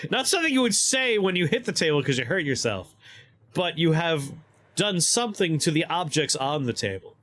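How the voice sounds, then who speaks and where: Excitable male game streamer, lively pitch. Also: moderate pace. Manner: chatty, excitable, laughs often. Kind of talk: casual let's-play chat, reading game text aloud.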